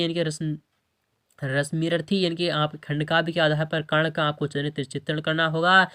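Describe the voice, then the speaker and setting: A man's voice: on the high side, a bit bright, smooth. A male teacher who goes through an exam model paper. He keeps restating his points and repeats himself. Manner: repetitive, restates with "yani ki". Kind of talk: exam paper walkthrough lesson.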